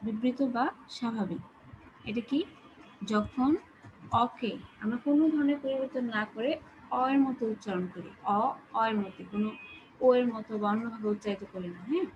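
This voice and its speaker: A woman's voice: a little high, normal speed. A woman teacher with a Bangladeshi Bengali accent giving an online class, explaining step by step and keeping her students answering questions. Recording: dull lo-fi call audio with background noise.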